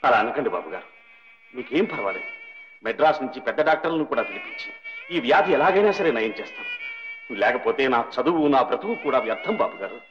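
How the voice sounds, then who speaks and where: A man's voice: mid-range voice, very animated, fast talker, close to an everyday voice. An actor playing a young male doctor, earnest and reverent toward the old man who paid for his studies, in a film melodrama. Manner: earnest, reverent, calls out in anguish. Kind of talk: 1960s Telugu film melodrama. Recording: dull old film soundtrack with faint music.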